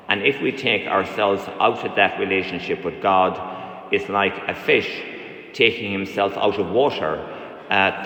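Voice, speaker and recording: A man, a priest giving a measured sermon with occasional hesitations in a large church. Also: deep voice, sharp tone. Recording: echoey church from a distance.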